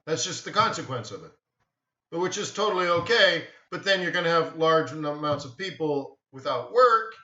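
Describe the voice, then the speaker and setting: Casual chat fills this forex trading livestream, where the male host, speaking at normal speed in a fairly high voice, tells rambling, animated stories and acts out quotes. His sound is roomy, far off, and slightly dull.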